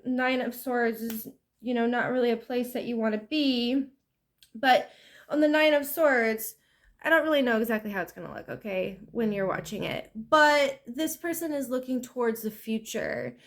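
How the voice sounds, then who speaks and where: A woman's voice: a little high, a bit bright. Chatty woman reading tarot. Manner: rambling, chatty, self-deprecating. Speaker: tarot reader.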